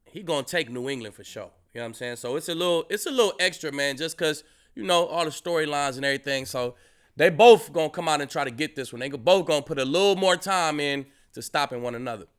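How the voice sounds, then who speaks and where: A man who played football, hosting a sports podcast in a laid-back style with relaxed slang. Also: fairly high pitch, quick pace, clear, resonant tone. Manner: laid-back, relaxed slang, keeps saying "you know what I'm saying". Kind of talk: casual podcast chat.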